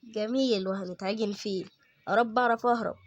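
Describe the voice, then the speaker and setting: Egyptian man streaming a horror game: high-ish, excitable, chatty with viewers, screams at jump scares. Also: fast, no room sound, muffled recording. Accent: Egyptian Arabic. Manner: excitable, yelps in sudden fright, chatty asides to viewers. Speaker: gaming YouTuber. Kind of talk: let's-play horror game commentary.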